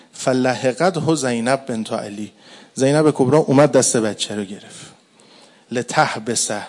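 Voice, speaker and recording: A man preaching a mourning sermon, chanting Arabic quotations slowly before explaining each one in everyday speech. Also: medium pitch, darkish tone.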